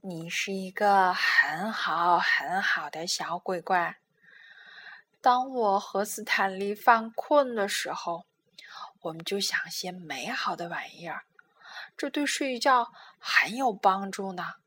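A woman voicing a patient, motherly young girl in a bedtime storybook, firm yet gentle and coaxing. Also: medium pitch, slow, slightly rough, voice pushed down, heavily acted.

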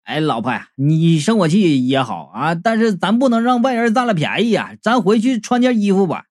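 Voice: mid-range voice, sing-song, brisk, dry recording, studio quality, natural voice. A storyteller voicing a flustered young husband who stammers out excuses and pleas. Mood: indignant.

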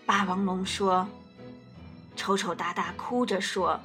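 A woman reading a picture book aloud as a storyteller, gentle and expressive. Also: medium pitch, slow, soft background music.

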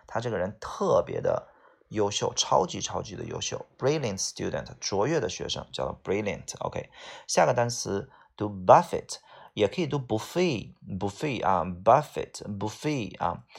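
A man teaching an English vocabulary lesson, repeating each word and filling pauses. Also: fairly low pitch, very animated, creaky, breathy edge.

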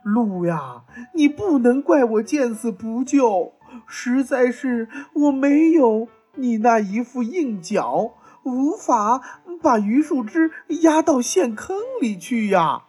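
Sneering storybook wolf, lower and slow, ungrateful and menacing, as a woman reads it. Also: expressive, mellow, husky, faint music behind, heavily acted. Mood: sly scornful. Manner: sly, scornful, then menacing.

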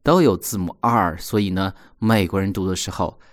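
A man teaching English pronunciation in a recorded lesson, explaining patiently and repeating example words slowly. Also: low voice.

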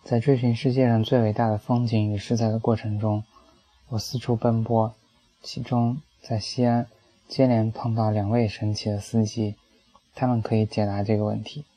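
A man's voice: lowish voice, little pitch movement, normal speed, mellow, low-quality recording. A man reading a personal essay aloud as an audiobook, telling it in a wry, dry way. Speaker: narrator.

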